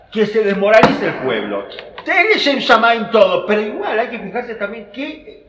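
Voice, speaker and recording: Argentine male rabbi type, high lively voice, chatty Torah class, roomy hall with long echo. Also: a little hiss or hum. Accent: Argentine Spanish. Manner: animated, conversational, drawn-out emphasis, sprinkles Hebrew terms. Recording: echoey hall with faint ambience.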